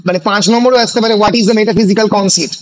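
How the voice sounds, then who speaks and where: A male college English teacher with a Bengali accent, lecturing an online class and dictating exam questions in slow English phrases between Bengali explanations. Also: sits high, rough recording. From India.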